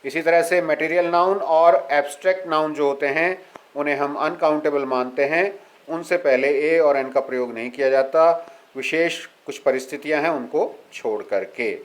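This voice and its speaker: A man teaching English grammar, reading examples slowly and explaining them step by step. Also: on the high side, low-quality recording. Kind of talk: explaining a lesson.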